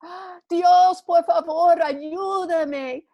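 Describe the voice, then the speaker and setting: Frantic, high, loud man calling for rescue, put on by a woman teacher. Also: flat delivery, unhurried. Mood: pleading. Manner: frantic, pleading, shouting for help. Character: panicked man dangling over a cliff.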